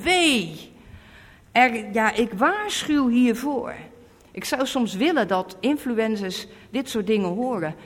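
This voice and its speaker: A woman preaching a sermon, emphatic and repeating her warnings. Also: a little high. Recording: echoey hall.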